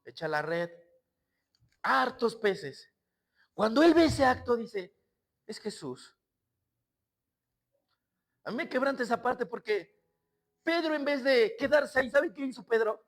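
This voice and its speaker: A male pastor preaching a sermon, swinging between loud exclamations and quiet asides and acting out the scenes he tells. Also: very high-pitched, lively intonation, moderate pace. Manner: acts out quoted voices and scenes.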